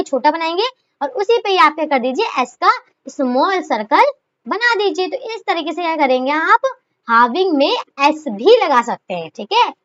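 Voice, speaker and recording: A woman's voice: very high voice, fairly bright tone. A woman teaching a shorthand lesson, asking questions and answering them herself, and calling her students fondly as children. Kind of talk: explaining a lesson. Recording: dull lo-fi recording.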